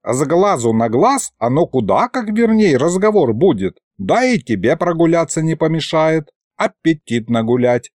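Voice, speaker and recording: A man's voice: on the high side, big pitch swings, normal speed, few pauses, a little mellow, no room sound, studio quality, pitched above the performer's own voice. A man voicing a doting, teasing old grandfather with a folksy rustic drawl in a raised voice.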